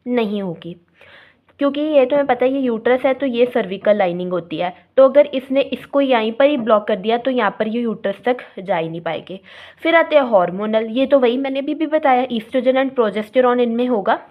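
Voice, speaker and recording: A woman teaching nursing pharmacology, reading points slowly and explaining them quickly with questions to her students. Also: on the high side. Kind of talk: classroom lecture mixing Hindi and English. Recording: slightly muffled lo-fi sound.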